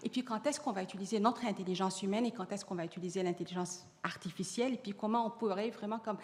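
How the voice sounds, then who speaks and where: An Arabic-native woman sits on a panel about AI in education, earnestly answering the audience with many fillers and frequent sentence restarts. Her mid-range voice is a little mellow and quick, with long hall reverb around it.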